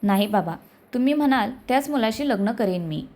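A woman's voice: on the high side, animated, brisk, mellow. A woman reading as a stubborn young bride-to-be. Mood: subdued, irritated.

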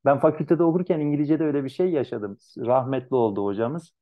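A man teaching an Arabic translation class online, animated and lively, acting out students' complaints in a raised voice. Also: mid-range voice, fast, phone-quality sound. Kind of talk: online lecture.

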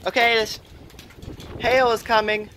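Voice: mid-range voice, flat delivery, measured pace. Someone giving casual, exclaiming commentary on a hailstorm while filming on a handheld phone outdoors. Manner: exclaiming, repetitive. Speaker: amateur camera operator. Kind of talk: amateur storm video, casual excited commentary. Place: outdoors on a farm porch in a hailstorm. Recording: noisy phone video, loud storm ambience. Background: hail and rain noise.

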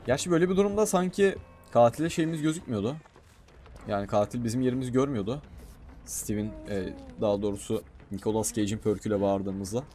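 A man commentating his own gameplay in a casual, excitable way, often shouting and talking to himself. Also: mid-range voice, fast, soft background music. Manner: excitable, shouts and talks to himself while playing. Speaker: gaming streamer.

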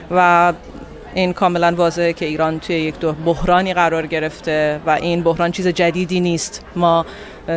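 A young Iranian woman answers an interviewer with a Persian accent. She speaks earnestly and deliberately into a handheld microphone. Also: on the low side. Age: young adult. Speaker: actress being interviewed. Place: indoor venue lobby. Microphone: handheld reporter microphone.

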